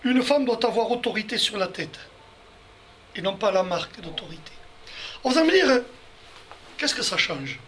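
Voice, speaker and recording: A man's voice: sits high, big pitch swings, normal speed, long pauses, a bit bright, a little hiss or hum. A man leading a Bible study, explaining verses step by step and speaking directly to his listeners. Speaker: Bible teacher. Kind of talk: Bible study teaching to a group.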